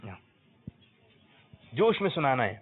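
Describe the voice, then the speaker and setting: Male quiz host, mid-pitched, coaxes answers and praises loudly; tinny lo-fi audio. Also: very animated, breathy edge. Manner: coaxing, prompts answers, bursts out praising correct ones. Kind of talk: religious children's quiz show hosting. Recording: tinny lo-fi phone-like sound.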